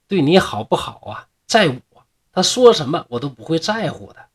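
A man voicing a careless, smooth-talking young male scholar in a coaxing, husky voice. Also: fairly high pitch, big pitch swings, moderate pace, pitched above the performer's own voice. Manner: coaxing, glib.

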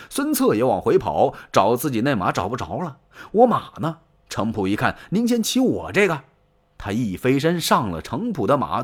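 Lively male storyteller, dramatic, colloquial, wide-ranging pitch. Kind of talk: traditional pingshu storytelling.

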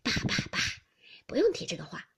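Woman doing a placating young gentleman. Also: a little fast, lightly acted.

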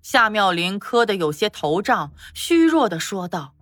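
A woman giving expressive scripted narration for a palace audio drama. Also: medium pitch, measured pace, no echo.

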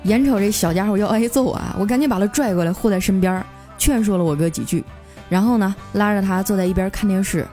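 A woman podcast host telling comic stories in a lively, playful way. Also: medium pitch, music in the background. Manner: lively, playful with frequent drawn-out particles. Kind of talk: comic storytelling.

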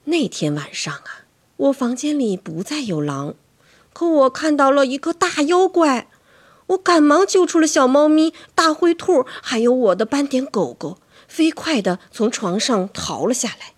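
A woman reading a bedtime story to children, animated and dramatic, dipping into whispers. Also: high-pitched, measured pace.

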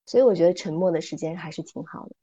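A middle-aged woman speaking calmly and thoughtfully as a podcast guest, retelling little stories as she reflects. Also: on the low side, rapid-fire, breathy edge, lo-fi sound. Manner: calm, thoughtful, retells stories with light acting. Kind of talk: reflective casual chat with storytelling.

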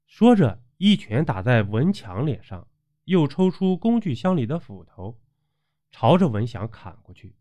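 A man's voice: medium pitch, measured pace. A man narrating a dramatic ghost story, acting out the characters' voices as he goes. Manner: animated storytelling with acted voices.

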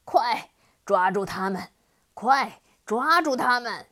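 A woman voicing a boastful, cruel horned demon king in a children's storybook reading, with a gloating, booming delivery. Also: big pitch swings, slow, full character voice. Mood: furious.

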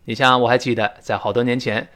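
A male English teacher giving a spoken-English lesson, switching between chatty explanation and slow, stretched-out demonstrations of how words are pronounced. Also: mid-range voice. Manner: animated, drawn-out demonstrations of pronunciation; chatty, classroom storytelling tone.

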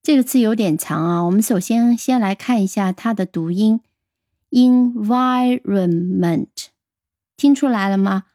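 Woman teaching vocabulary, dark dry voice. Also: mid-range voice, no echo. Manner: spells out words letter by letter, slow careful pronunciation. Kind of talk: radio vocabulary lesson.

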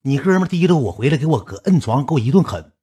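A man voicing an upset, tipsy young woman, complaining in a loud, aggrieved run of words. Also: mid-range voice, sing-song, fast talker, husky, pitched above the performer's own voice.

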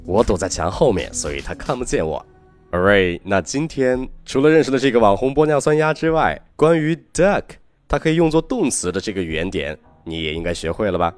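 A man hosting a podcast lesson on English pronunciation, chatting casually in Mandarin and slowing right down to model English sentences. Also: lowish voice, expressive, no echo, soft background music. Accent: American-style English.

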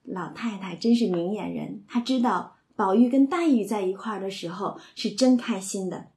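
In a mellow, mid-range voice at normal speed, a woman comments on a classic novel, explaining it and retelling its scenes while slipping into the characters' dialogue. She uses lots of filler words, and the recording is reverberant.

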